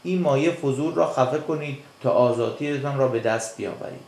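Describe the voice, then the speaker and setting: A man's voice: mid-range voice, creaky, a little mellow, slight background noise, close to an everyday voice. A man voicing a cunning, greedy male pelican in a storybook reading, gloating and falsely gracious. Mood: scheming. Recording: echoey room.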